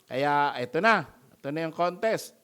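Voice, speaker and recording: A man's voice: a little high, normal speed, clean tone. A man with a Filipino accent preaching a sermon in a conversational style, often adding tag questions and raising his voice when he acts out scenes. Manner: animated, rising loud when acting out mockery. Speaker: pastor.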